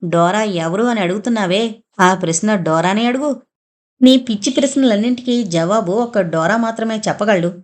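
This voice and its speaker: A woman doing a shrill, mocking old sorceress. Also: moderate pace, natural voice. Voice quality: thin, shrill voice. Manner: sarcastic, mocking. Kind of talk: audio novel reading.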